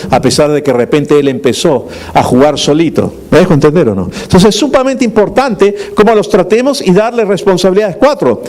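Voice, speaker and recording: A man's voice: a little high, darkish tone. A middle-aged male pastor delivering a sermon in a conversational way, with humorous asides and frequent rhetorical questions.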